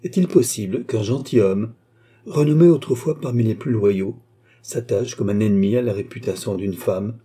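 A man's voice: on the low side, moderate pace, warm tone, breathy edge. A man voicing a proud, indignant queen who scolds in a raised, reproachful voice.

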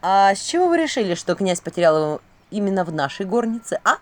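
A woman voicing a brash, sarcastic male owl who mocks loudly and hisses quick asides. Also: mid-range voice, very animated, close to an everyday voice. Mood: mocking. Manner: mocking, hissing asides.

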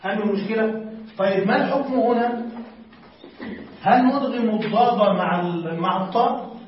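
High-voiced male teacher in an echoey classroom. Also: moderate pace, slight background noise. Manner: patient, quizzes students and repeats answers. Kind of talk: classroom grammar lesson. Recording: echoey room, distant dull mic.

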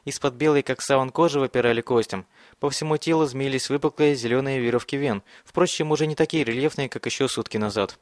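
A man's voice: medium pitch, fast talker, dry recording. Man reading a dramatic audiobook. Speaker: narrator. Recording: dry close studio sound.

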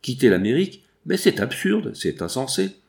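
A sneering, sullen schemer voiced by a man reading aloud. He speaks with scorn and a lively, expressive pitch. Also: moderate pace, creaky.

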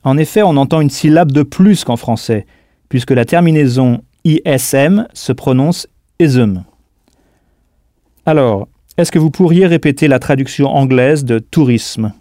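A man's voice: medium pitch, a little slow, warm tone, no echo, clean studio sound. A man teaching a recorded audio language lesson, patiently spelling words out letter by letter and prompting the listener to answer.

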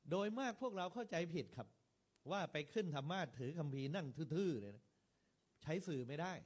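A man with a slightly raised voice gives a talk to a room of monks. He swings between heavy and light stress and keeps a steady, lively rhythm. He turns to his listeners with direct questions as he goes. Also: a little high, brisk. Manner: varied stress and rhythm, lively rises and falls. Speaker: Buddhist monk lecturer. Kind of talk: lecture to monks on preaching.

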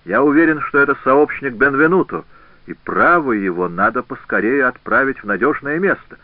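A man's voice: medium pitch, animated, moderate pace, dry recording, voice pushed up, natural voice. A man reading an audiobook voicing a stern, officious provost. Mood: insistent. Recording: tinny phone-like band, dry.

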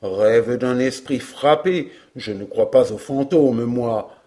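A man's voice: mid-range voice, slow, dark tone, voice pushed down, natural voice. A man voicing a boastful middle-aged knight who mocks ghost stories, in an audiobook reading. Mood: scoffing.

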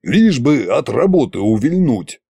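A man's voice: medium pitch, sing-song, unhurried, gravelly, warm tone, slightly rough, dry recording, heavily acted. Koschei, a man playing a grumbling scheming tsar. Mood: scheming grumble. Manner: grumbling, folksy, self-satisfied. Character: boastful scheming old tsar-sorcerer Koschei.

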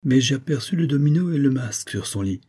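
Cheeky young apprentice printer, gossipy and quick to scoff, voiced by a man in a higher, husky tone. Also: animated, dark tone. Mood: eager.

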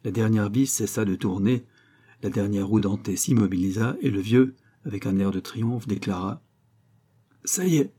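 A man reads a short story aloud as an audiobook narrator, measured and steady. His voice is dark and mellow, with a husky grain. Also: fairly low pitch.

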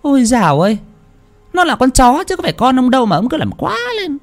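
Shrill nagging village wife. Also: male voice, very animated, quick pace, soft background music, full character voice. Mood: scornful. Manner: scolding, mocking. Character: nagging middle-aged village wife, scornful.

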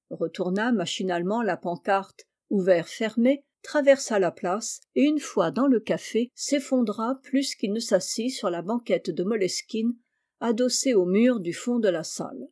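A woman reading a crime short story aloud in a measured, steady narration. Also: medium pitch. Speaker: story reader.

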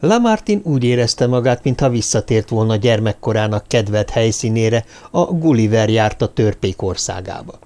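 A man reading an audiobook novel in measured, even narration. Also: lowish voice. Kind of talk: scripted narration.

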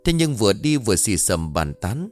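Expressive male storyteller. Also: on the low side, normal speed, soft background music. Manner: dramatic, expressive. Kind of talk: scripted story narration.

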